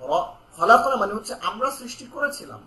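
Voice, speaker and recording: A man teaching Quran pronunciation in an online lesson, calling out syllables loudly for students to repeat and explaining slowly in between. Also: sits high, echoey room, rough recording. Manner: slow, explaining calmly between drills.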